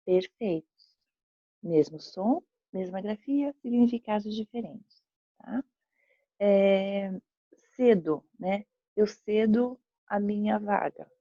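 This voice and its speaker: Here a woman with a dark, mid-range voice and a breathy edge leads a grammar class, speaking with a Brazilian Portuguese accent. Patient, she goes over examples again and checks on her students along the way. The dry recording sounds dull and lo-fi.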